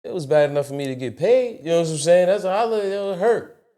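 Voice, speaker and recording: A man telling a personal story as a guest on a casual studio talk show, profane and animated. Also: sits high, fast. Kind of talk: casual podcast chat. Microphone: studio mic.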